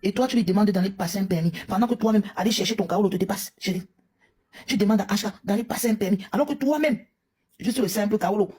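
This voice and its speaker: Woman streamer, very husky mellow voice, confrontational live rant. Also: a little high. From Cameroon. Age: young adult to middle-aged, a mother. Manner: scolding, confrontational, addresses a rival directly.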